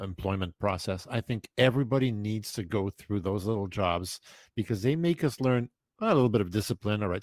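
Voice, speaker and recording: Host, man in his fifties, low voice, emphatic rambling talk, dry close sound. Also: a little mellow, no room sound. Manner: rambling and emphatic, many restarts. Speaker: podcast host. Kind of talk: casual chat.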